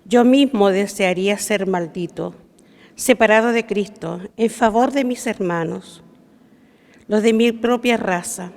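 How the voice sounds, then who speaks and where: A woman's voice: mid-range voice, measured pace, darkish tone. A woman gives a solemn scripture reading as a lector at Mass in a church. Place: large church. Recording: long church reverb.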